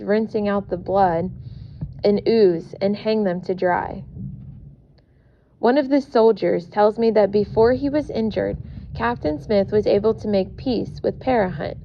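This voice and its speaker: A woman narrating an audiobook in the first person at a measured, earnest pace. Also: medium pitch. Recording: muffled recording, faint hiss.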